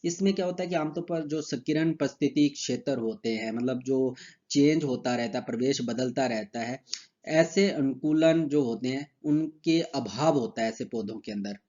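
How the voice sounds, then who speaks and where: A man giving a horticulture lecture in a casual explaining manner. He reads English phrases slowly, then explains them in Hindi with many fillers, speaking English with an Indian accent. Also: medium pitch, warm tone, muffled recording. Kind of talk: recorded university lecture.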